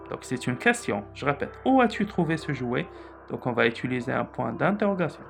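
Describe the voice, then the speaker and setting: A man teaching a grammar lesson from a workbook, repeating key points slowly and reading out examples before explaining them. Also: medium pitch, vocal fry. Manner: reads out example sentences, then explains them.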